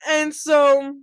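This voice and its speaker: A young podcast co-host with a high, fairly bright voice rambles through a story in casual chat, giggling often and filling her speech with "like." The recording is dry.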